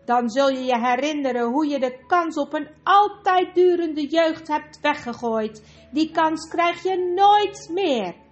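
A woman's voice: big pitch swings, unhurried, dull audio, soft background music. A woman voicing a cruel, scheming female witch in a storybook reading, coaxing and scornful. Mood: shrill. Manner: coaxing then shrill and scornful.

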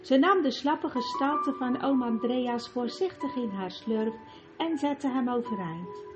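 A woman reading a children's storybook aloud, lively and engaging, with asides to the listener. Her voice sits somewhat high. The recording is dull and lo-fi with music clearly underneath. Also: unhurried. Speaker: audiobook narrator. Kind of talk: storybook narration. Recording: lo-fi with music behind.

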